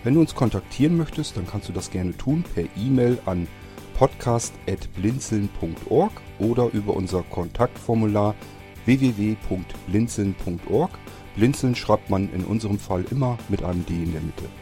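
A man's voice: fairly low pitch, lively intonation, normal speed, mellow, soft background music. A man reading a friendly podcast outro with contact details. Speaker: podcast host.

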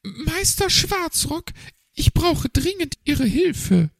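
A man voicing a fussy, prim female magpie in a storybook reading, pitched high and shrill. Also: sing-song, slow pace, gravelly, very noisy, full character voice. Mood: exasperated. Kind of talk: audiobook character voice.

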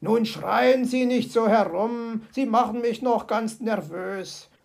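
Brief: a woman playing a grouchy fox gentleman, dry sarcasm, gravelly grumbles. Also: a little high, slow, full character voice. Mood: grumbling. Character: grumpy, sardonic old male fox.

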